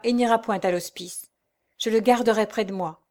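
Woman as a gentle, consoling village curé, solemn. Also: medium pitch, moderate pace, close to an everyday voice. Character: gentle male village priest.

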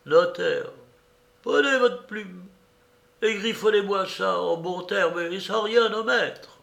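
A man's voice: high-pitched, slow, vocal fry, a bit bright, reverberant, voice pushed up, exaggerated voice. A man voicing a sly, scornful dying old beggar whose thin voice rattles and fails as he gives orders. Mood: commanding. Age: older. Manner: mocking and imperious. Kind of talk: audiobook character reading.

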